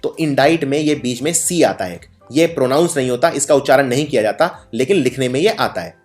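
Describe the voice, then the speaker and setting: A man's voice: medium pitch, expressive, brisk, soft background music. A man teaching English spelling in Hindi, explaining word meanings and spelling each word out letter by letter. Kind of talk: explaining lesson.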